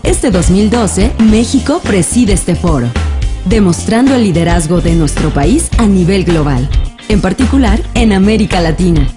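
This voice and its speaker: A woman with a Mexican accent reads a news report in a measured, formal way. Her voice sits at a middle pitch. A clear music bed plays under her narration. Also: animated.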